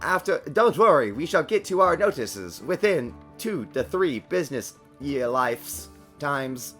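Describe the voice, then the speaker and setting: A man plays a mustache-twirling villain of an undead office manager in a tabletop horror game. He is pitched well up and falsely obliging, with pompous, dismissive courtesy over background music. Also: very animated, measured pace, a bit bright. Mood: smugly dismissive.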